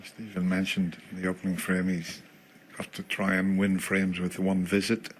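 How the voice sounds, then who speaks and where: Deep-voiced man in hushed snooker commentary. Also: moderate pace, poor audio. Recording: steady background noise.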